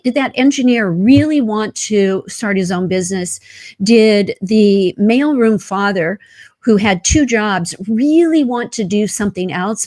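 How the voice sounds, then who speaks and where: Woman podcast guest, mid-pitched, earnest coaching delivery, leans on rhetorical questions. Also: a little mellow. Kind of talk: conversational interview.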